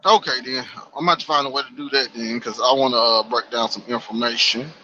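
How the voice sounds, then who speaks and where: A man calling in by phone, talking casually and haltingly with lots of fillers. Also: medium pitch, steady tone, sharp tone, a little hiss or hum. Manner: halting, fills with "uh" and "like". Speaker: caller. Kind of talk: casual chat. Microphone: phone on a call while outside. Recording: muffled lo-fi call audio.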